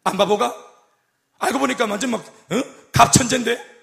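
Fast, animated Korean male pastor. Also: very high-pitched, gravelly. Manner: animated, acts out quoted voices and jokes with the congregation. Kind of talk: sermon.

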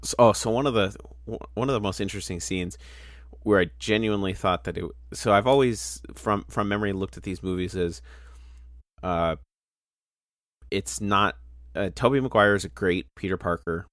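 Man co-host with a lowish voice who rambles excitedly and cuts himself off, on a dry close mic. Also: moderate pace, dry recording. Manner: rambling, animated, self-interrupting. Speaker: podcast co-host. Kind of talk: casual movie discussion.

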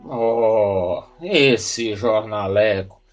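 An actor playing a furious, domineering rural landowner in a radio play, scolding and imperious. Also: male voice, on the low side, very slow, soft background music. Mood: angry, domineering. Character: furious, domineering rural landowner major, an all-powerful boss.

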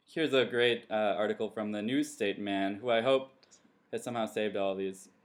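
A man hosting a casual podcast, rambling and often trailing off into quiet mumbles. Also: on the low side, moderate pace. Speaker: podcast host.

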